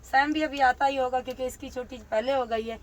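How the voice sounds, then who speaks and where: A woman's voice: high voice, steady tone, fast talker, slight background noise. Woman, sore throat; chatty, step-by-step narration of chores, outdoor courtyard with faint ambience. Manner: chatty, explaining each step, often says "jo hai na". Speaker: village family vlogger. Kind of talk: casual narration of household chores. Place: outdoor village courtyard in fog and wind.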